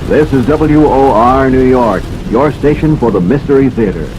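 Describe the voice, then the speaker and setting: A man's voice: medium pitch, normal speed, noisy background. A man announcing on old-time radio, reading station and commercial copy. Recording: old radio broadcast with music behind.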